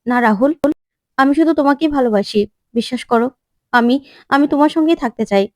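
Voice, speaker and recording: Clingy scheming young woman, pleading and insistent, voiced by the storyteller, fairly high voice, dry close sound. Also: quick pace, a little mellow, no room sound, natural voice.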